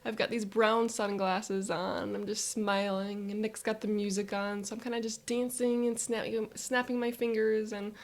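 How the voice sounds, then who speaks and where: A woman leading a guided visualization, telling a first-person scene in the present tense in an upbeat, vivid, unhurried way. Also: medium pitch, flat delivery.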